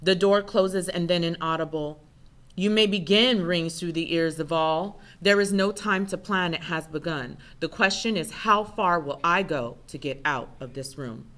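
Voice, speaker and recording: A woman giving an intense, measured first-person spoken word performance. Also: fairly low pitch, a bit bright.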